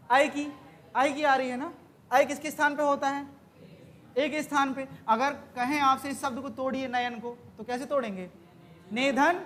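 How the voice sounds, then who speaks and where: A woman's voice: sits high, a bit bright. A woman teaching an exam-prep grammar lesson, quizzing the class with questions that she then answers herself.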